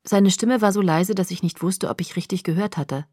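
A woman narrating a first-person audiobook in a calm, measured way. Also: lowish voice, husky, dry recording, studio quality.

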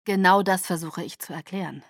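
A woman voicing a calm male vampire patriarch who argues earnestly and evenly for peace. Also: on the low side, a little fast, no room sound, clean studio sound. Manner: earnest, level, persuasive.

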